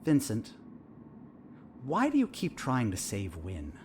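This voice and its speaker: In this audio fiction dialogue, a man plays a probing, needling therapist who seems eerily all-knowing. His mid-range voice moves slowly but swoops wildly, smug and insinuating as he presses leading questions, with faint noise in the background.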